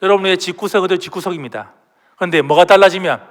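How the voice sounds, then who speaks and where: A man's voice: high-pitched, fast talker. A male pastor preaching a sermon in a church, asking the congregation questions and leading them in reading aloud. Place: church sanctuary. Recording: long hall reverb.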